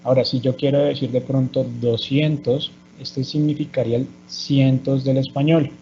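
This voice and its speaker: A man teaches English numbers in a bilingual class. He has a mellow, dark voice and explains patiently, often checking in with the students. The recording is dull and lo-fi, with a faint hum behind it. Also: mid-range voice, little pitch movement, normal speed.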